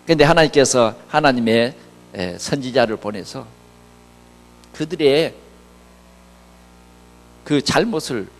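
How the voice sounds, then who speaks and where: A man's voice: medium pitch, expressive, slow, gravelly, pauses often, in a large hall. A male pastor delivering a conversational sermon full of rhetorical questions to his congregation. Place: church sanctuary.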